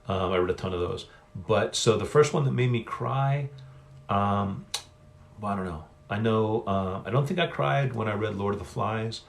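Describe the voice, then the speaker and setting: A man's voice: lowish voice, gravelly. A middle-aged man hosting a solo author livestream Q&A, talking in a rambling, chatty way and often correcting himself, recorded on a phone. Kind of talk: casual solo livestream chat. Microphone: phone on a stand.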